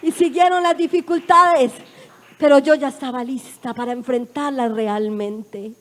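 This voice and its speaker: Predicadora colombiana, voz alta y aguda, testimonio emotivo en un culto, muy dramática. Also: female voice, sits high, fairly even intonation, unhurried. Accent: Colombian Spanish. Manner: emotional, dramatic storytelling with swings from hushed to loud. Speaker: preacher giving testimony. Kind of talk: sermon testimony. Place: church.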